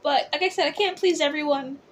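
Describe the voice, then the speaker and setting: A drag queen host with a high voice chats casually to viewers about opinions and comments, rambling conversationally and stretching words out with theatrical emphasis. A slight hiss or hum sits in the background.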